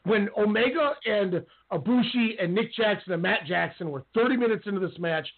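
A man's voice: high-pitched, fairly quick. A man co-hosting a wrestling podcast, ranting in heated casual talk. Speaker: podcast co-host. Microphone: call-in radio line. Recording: tinny phone-line audio.

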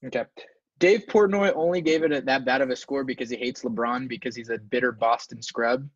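沙哑男声，闷闷的干声录音. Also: male voice, medium pitch, brisk, dry recording. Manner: animated, emphatic complaints. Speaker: podcast co-host. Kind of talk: casual podcast chat. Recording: dull, dry lo-fi mic.

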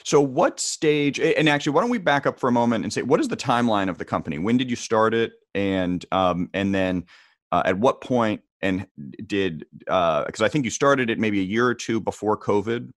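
Guy interviewer w/ a low voice, chatty, kinda halting, rewords his questions, dry close sound. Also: expressive, no echo. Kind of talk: conversational interview.

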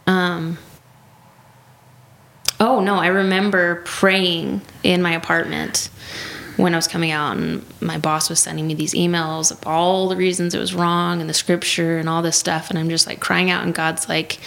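A woman's voice: on the low side, level tone, normal speed, vocal fry, fairly bright tone. A woman in her thirties talking casually as a podcast host, sharing personal testimony in a church prayer room. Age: 30s.

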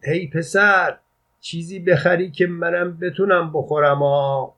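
A man's voice: mid-range voice, close to an everyday voice. A man reading as a grumpy, cursing old father. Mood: weary. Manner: gruff, snapping, insulting. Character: sick, hungry, grumpy old father who curses. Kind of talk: audiobook reading. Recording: dull lo-fi recording.

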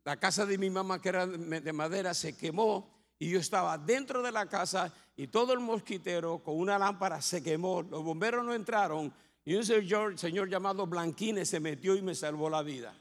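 Gravelly-voiced Puerto Rican pastor. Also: male voice, high voice, moderate pace. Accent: Puerto Rican Spanish. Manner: humorous storytelling with acted quotes. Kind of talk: testimony sermon. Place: church sanctuary. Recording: long hall reverb.

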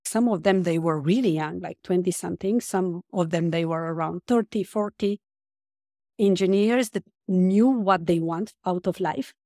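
A woman's voice: lowish voice, normal speed, warm tone, dry recording, studio quality. A woman with a Romanian accent, talking earnestly as a podcast guest and often searching for her words. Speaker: podcast guest, life coach. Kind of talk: casual interview talk.

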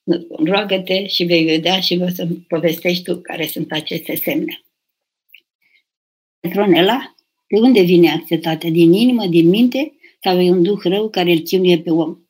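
This abbess, an older woman, speaks in a lowish, slightly mellow voice with some breathiness. During her live stream she reads out questions from viewers and answers each one urgently and emphatically, now and then raising her voice sharply.

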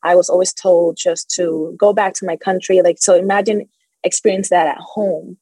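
A woman's voice: fairly low pitch, fairly even intonation, moderate pace, mellow, slightly rough, no echo, poor audio. A young adult woman telling her personal story as an interview guest, open and emotional, with a nervous laugh now and then.

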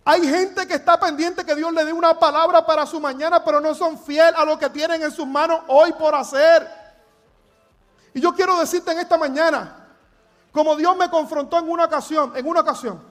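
Middle-aged male pastor, Puerto Rican accent, very high voice, earnest and emphatic sermon. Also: steady tone, normal speed, fairly bright tone. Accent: Puerto Rican Spanish. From Puerto Rico.

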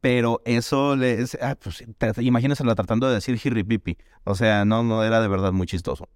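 A man's voice: medium pitch, fairly even intonation, a little fast, a little mellow, no room sound, studio quality. A man teaching a Dalcroze music lesson, explaining exercises and chanting rhythm syllables to demonstrate.

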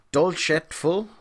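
A man co-hosting a casual podcast chat, laughing often and trailing off with fillers. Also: on the high side. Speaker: podcast co-host.

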